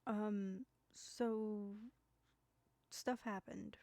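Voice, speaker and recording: A woman streaming live, speaking in a halting, subdued way with many fillers and apologies, hiccuping now and then. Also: medium pitch, fairly even intonation, dark tone, no room sound. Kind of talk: casual live-stream talk.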